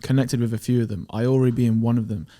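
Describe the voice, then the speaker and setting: Casting: young British male podcast guest, mellow voice, relaxed slangy chat. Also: medium pitch, fast. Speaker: podcast guest, music producer and promoter. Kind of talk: casual banter, slang-heavy.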